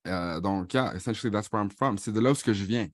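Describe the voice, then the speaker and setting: A man's voice: lowish voice, fast, no echo, studio quality. A man in his thirties with a Franco-Ontarian French accent, introducing himself and his music in a casual bilingual vlog, switching between French and English with easy fillers. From born in Paris, raised in Ottawa. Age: 30s.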